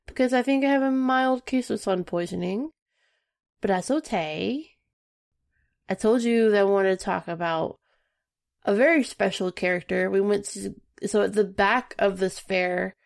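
A woman co-hosting a casual podcast chat, telling stories in an animated way. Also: mid-range voice, gravelly. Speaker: podcast co-host.

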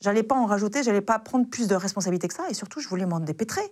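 A young adult woman, a former intelligence officer, casually retelling a dangerous encounter in a lively, slangy way with many fillers. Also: medium pitch, racing. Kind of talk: casual spoken storytelling.

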